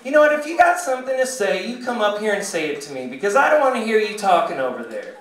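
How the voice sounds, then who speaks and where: A man's voice: sits high, sing-song, fast, fairly bright tone, a little hiss or hum, pitched above the performer's own voice. A man doing a sassy scolding woman receptionist. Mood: bossy. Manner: bossy, scolding, talks down. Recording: echoey club, distant mic, crowd laughing.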